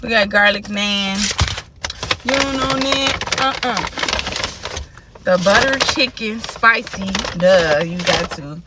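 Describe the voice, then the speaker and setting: A woman's voice: medium pitch, slow, pauses often, heavy background noise. A woman food vlogger chatting casually and expressively to camera in slangy, playful speech from inside a car. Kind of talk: casual mukbang chat to camera. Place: inside a car parked on a busy city street.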